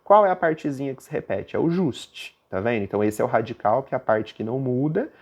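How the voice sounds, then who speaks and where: Brazilian teacher who keeps checking understanding. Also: male voice, animated, fast talker. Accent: Brazilian Portuguese. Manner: explanatory, often asks listeners to confirm they follow; puts on a student's objection in a higher voice. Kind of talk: recorded grammar lesson.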